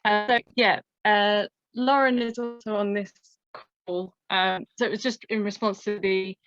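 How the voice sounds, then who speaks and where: A woman attendee speaking haltingly on a video call, her voice breaking up over a poor internet connection. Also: mid-range voice, steady tone, fairly bright tone, no room sound. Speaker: webinar attendee asking a question. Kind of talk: casual talk on a video call. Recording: lo-fi video-call audio with faint noise and clicks.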